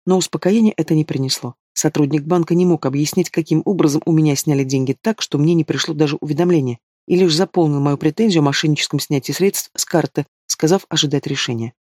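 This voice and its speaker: A man reading a first-person story aloud as an audiobook narrator, in steady, even storytelling. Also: on the high side, fast talker, few pauses, no echo, clean studio sound. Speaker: audiobook reader.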